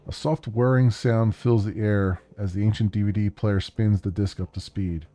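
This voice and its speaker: A man's voice: fairly low pitch, fairly even intonation, moderate pace, warm tone. A male streamer reading game text aloud during a let's-play, with casual, hesitant asides.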